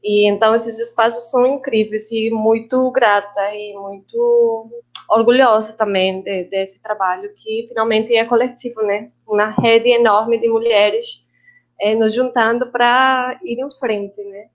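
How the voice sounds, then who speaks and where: A Colombian woman with a Colombian Spanish accent appears as a guest filmmaker and actress on an online panel. Her fairly high voice holds a steady tone as she speaks reflectively and haltingly, mixing Spanish words into her Portuguese. The sound is lo-fi.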